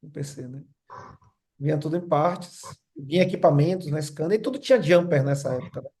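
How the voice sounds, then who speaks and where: A man's voice: on the high side, fairly quick, mellow. A middle-aged man with a Bahian Portuguese accent, mixed with São Paulo speech, telling his story in a casual group chat. He rambles and tags nearly every phrase with "né?". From Brazil, born in Rio, raised in Salvador.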